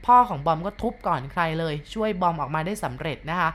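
A woman hosting a ghost story channel, narrating politely and gently with soft end particles. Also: sits low, expressive, fast talker.

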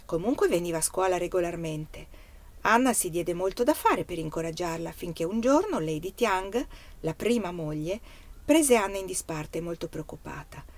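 A woman reading a novel aloud as an audiobook narrator, in a measured, steady literary manner. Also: lowish voice. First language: Italian. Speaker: reader.

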